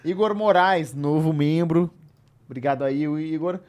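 A man's voice: on the high side, normal speed, darkish tone. A man chatting and bantering casually as a livestream panelist, close to a studio microphone. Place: podcast studio. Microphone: close studio microphone on arm.

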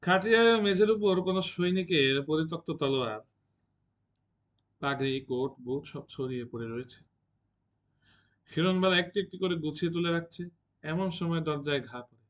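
A man narrates the stage directions of a play in a measured reading voice. His voice sits slightly high, and the recording is dull and lo-fi.

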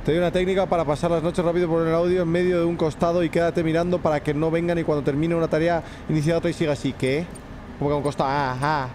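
A man doing live gameplay commentary, excitable, swearing and shouting at the game while talking to his chat. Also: fairly high pitch, quick pace, slight background noise. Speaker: streamer. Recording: game music behind the voice.

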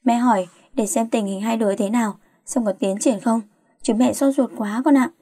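Reading the role of a worried, nagging middle-aged mother who keeps scolding, a woman uses a warm, fairly high voice. Her tone is steady and natural at a moderate pace, recorded close and dry with no echo.

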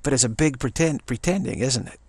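Speaking into an action camera, an older spiritual teacher meanders through a monologue, faltering and repeating words while chuckling frequently. His voice sits in the mid range with a breathy edge, and the sound has no echo.

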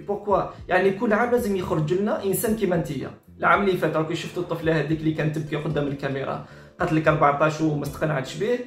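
Casting: Algerian male online commentator, exasperated and repetitive, rapid-fire delivery, echoey room with faint music behind. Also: a little high. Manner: exasperated, repetitive, mixes Arabic with French. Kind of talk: informal reaction commentary. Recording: roomy echo with faint music.

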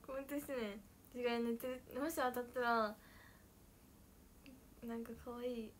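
A young woman chatting casually on a livestream, playful and mock-dramatic, sometimes dropping to soft murmurs. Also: on the high side, steady tone, normal speed, a little hiss or hum. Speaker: idol livestreamer. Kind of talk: casual livestream chat with viewers.

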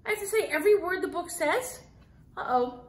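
In a living room at home, a middle-aged woman reads a picture book aloud to children, playing it up theatrically with mock-exasperated asides. Her voice is extremely high with lively intonation and a slightly fast pace. A phone camera a few feet away captures roomy home-video sound with a bit of background noise.

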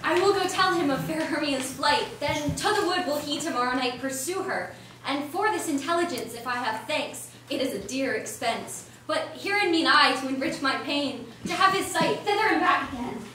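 A woman's voice: high-pitched, animated, moderate pace, sharp tone. Woman playing a rueful lovesick young woman in verse, recorded far off in a roomy hall. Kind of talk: verse soliloquy on stage. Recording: echoey stage from far off, faint noise.

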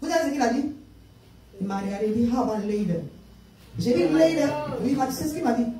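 A woman preacher from Africa with an African French accent tells a story in sermon form, dropping English phrases into her French. Her voice is fairly high and mellow. She sounds distant from the mic, in an echoey church room with faint noise behind her. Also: rapid-fire. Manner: animated storytelling, switching between French and English. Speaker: prophetess preaching. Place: church sanctuary.

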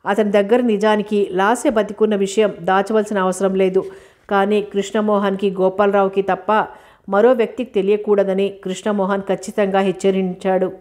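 A woman reading a novel aloud as an audiobook narrator. Her pitch sits in the middle and barely moves, keeping a steady, measured pace through the story.

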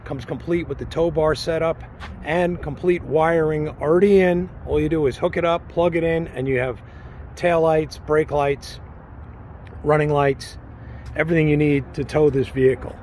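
Recorded on a handheld camera or phone in an open parking lot, with outdoor noise around him, a man presents a car for sale from off camera. His voice is on the high side and a little mellow, with a steady tone and normal speed. He keeps it matter-of-fact, in short, list-like phrases.

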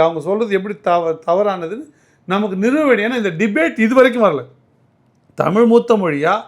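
High-voiced man arguing a political point. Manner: argumentative, emphatic, repeats and restarts words. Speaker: political commentator guest. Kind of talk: political interview answers.

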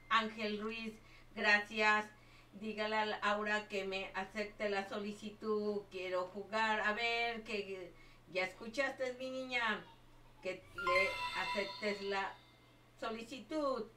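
A woman's voice: medium pitch, steady tone, takes it slowly, background noise. An older woman, chatting on a live game stream and fondly calling everyone her children and her loves. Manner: doting, calls everyone my child and my love. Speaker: livestreaming gamer. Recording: echoey room, far from the mic.

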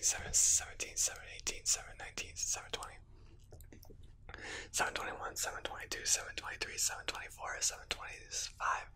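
A young adult man counts numbers under his breath in a whisper. The sound is very bright and sibilant, all breath with no voice. It is repetitive, close ASMR counting. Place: living room at home, indoors.

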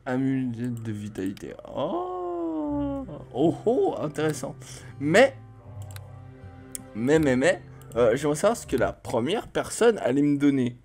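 A man playing a video game and commenting as he goes, reading dialogue aloud and joking, with sudden loud exclamations. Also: medium pitch, sing-song, normal speed, soft background music. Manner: chatty, jokey, exclaims loudly in surprise. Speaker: let's play host.

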